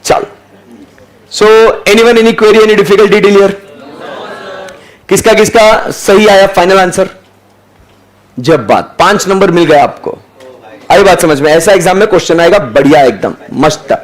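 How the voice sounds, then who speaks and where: Teaching accounting in a live online class, a young Indian man with a voice that sits high reads out figures slowly and deliberately in a blend of Hindi and English. He keeps prodding students to respond. The recording is rough.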